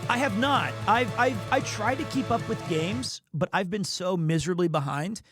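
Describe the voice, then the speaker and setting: High-voiced goofy man streaming. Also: moderate pace, music in the background. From Missouri, USA. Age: 40s. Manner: goofy, self-mocking, stumbles and restarts. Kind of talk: casual live-stream chat.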